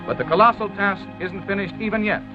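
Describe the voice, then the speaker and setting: With a high voice and a fairly quick delivery, an American documentary narrator reads a script for a 1930s promotional film in grand, formal announcer fashion. Orchestral music plays on the dull, vintage-sounding track.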